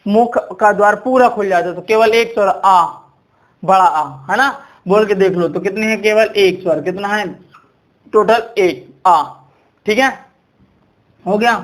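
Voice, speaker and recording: With a high voice, a measured pace and frequent pauses, an Indian man runs a grammar class. He quizzes the audience, asking "कितने होते हैं?", and hammers home key points with repeated "ठीक है".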